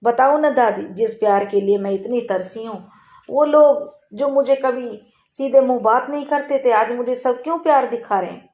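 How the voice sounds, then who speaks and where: A woman's voice: a little high, normal speed, a little mellow, roomy sound, voice pushed up, lightly acted. A woman voicing a timid, wondering young girl. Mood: bewildered.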